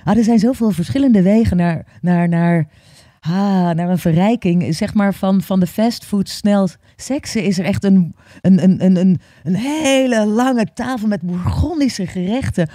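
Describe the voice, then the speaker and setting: A woman's voice: medium pitch, measured pace, warm tone, no echo, studio quality. A woman, a yoga teacher, talking openly as a podcast guest, earnest and often repeating words while she searches for them. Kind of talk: open conversational interview.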